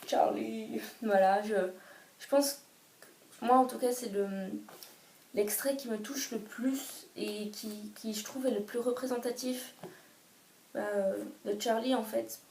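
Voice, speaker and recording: Mellow-voiced woman in an echoey room. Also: on the high side, steady tone, slow, pauses often. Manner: chatty, hesitant, lots of restarts and "genre". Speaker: book vlogger. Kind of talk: casual book review. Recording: roomy echo, distant mic, faint hiss.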